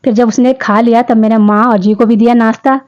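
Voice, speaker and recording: A woman in her fifties talks viewers through her day in a chatty, homely voice-over. Her voice is mellow and relaxed. The recording is dull and lo-fi. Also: a little high, brisk. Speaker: vlogger. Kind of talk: casual vlog voice-over narration.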